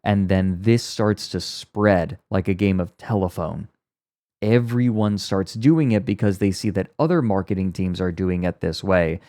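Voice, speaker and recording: Low, dark man talking muffled under a blanket. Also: unhurried, no echo, clean studio sound. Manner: rambling and explanatory, wry asides. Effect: muffled under a blanket for sound deadening. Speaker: streamer reacting to a video. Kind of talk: casual stream chat. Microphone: close mic inside a blanket fort.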